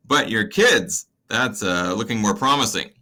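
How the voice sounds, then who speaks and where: A man voicing one of the witches in a casual retelling of a play, speaking offhand and sly, a little higher than his own voice. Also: expressive, unhurried, bright, forceful tone.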